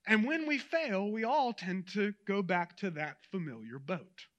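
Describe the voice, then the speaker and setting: A man preaching a sermon in a conversational, animated way, addressing the audience directly. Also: sits high, measured pace, muffled recording.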